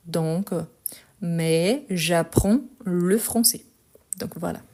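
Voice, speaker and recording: Holding a phone in her hand, a woman with a lowish, darkish voice teaches French in a live online lesson, correcting a text step by step. She explains slowly and patiently, repeating words often and using "donc" a lot. Slight background noise can be heard.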